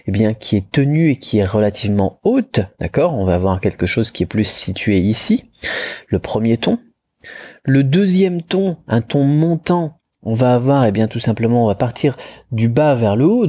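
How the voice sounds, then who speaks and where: A man's voice: mid-range voice, dark tone, husky. A man teaching pronunciation in a chatty video lesson, with lots of fillers and restarts, demonstrating tones by moving his head. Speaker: Chinese language teacher.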